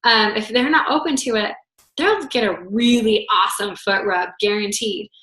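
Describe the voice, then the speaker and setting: A woman's voice: medium pitch, moderate pace, a bit bright. A woman teaching a group in a casual, chatty way, full of filler words, her voice slightly worn. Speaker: foot zoning instructor. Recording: roomy echo.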